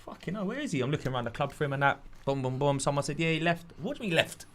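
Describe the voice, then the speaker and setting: A man's voice: medium pitch, fairly even intonation, fairly bright tone, a little hiss or hum. A man hosting a podcast, telling anecdotes in casual street slang. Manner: fast, slangy, tells anecdotes. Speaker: podcast host.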